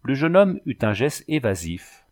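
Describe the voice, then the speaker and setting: A man narrating a literary audiobook in an expressive, animated reading. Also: medium pitch, a little slow.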